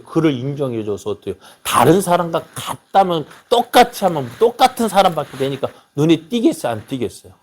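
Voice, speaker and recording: A male pastor giving a sermon, repeatedly asking the congregation rhetorical questions and swinging between loud exclamations and quiet asides. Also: on the high side.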